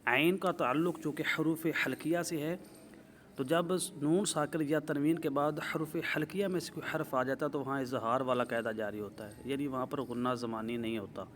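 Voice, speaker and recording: A man teaching the rules of Quran recitation in a methodical lesson, explaining step by step and slowly drawing out example words. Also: mid-range voice, steady tone, a little hiss or hum. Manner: drawn-out slow demonstrations of recited words. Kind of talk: tajweed lesson.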